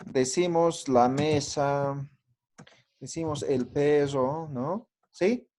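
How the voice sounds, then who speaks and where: Slow, patient male language teacher. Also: on the high side, warm tone. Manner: patient, checks understanding with frequent tag questions. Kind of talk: classroom lesson.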